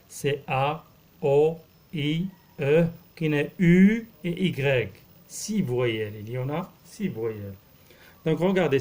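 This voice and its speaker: A man, a primary school teacher slowly explaining a lesson, repeating words and spelling out letters. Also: on the high side, a little mellow. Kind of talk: slow classroom explanation.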